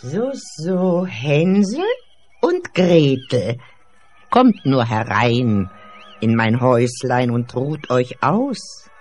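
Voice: medium pitch, lively intonation, extremely slow, darkish tone, faint music behind. An actor playing a wicked old child-eating witch in a radio play, cackling, sneering and barking orders. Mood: sweet.

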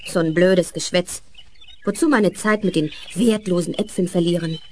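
A woman's voice: on the low side, moderate pace, darkish tone, a little hiss or hum, natural voice. A woman playing a lazy, greedy and rude young girl in a children's fairy-tale radio play. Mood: sulky. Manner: sulky, rude, whiny.

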